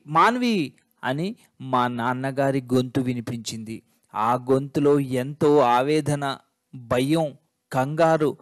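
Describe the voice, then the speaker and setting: A man reading a first-person story aloud in a measured, emotional storytelling manner. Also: mid-range voice.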